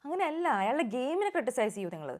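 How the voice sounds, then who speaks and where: A woman's voice: sits high, very animated, rapid-fire, a little mellow. A young woman giving casual, opinionated vlog commentary on a reality show, mixing in English words.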